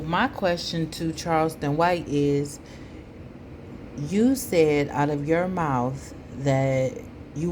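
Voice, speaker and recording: Low-voiced, slow woman commentator. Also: mellow. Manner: critical, opinionated. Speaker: commentator reacting to a video. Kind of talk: spoken commentary. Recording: noticeable background noise.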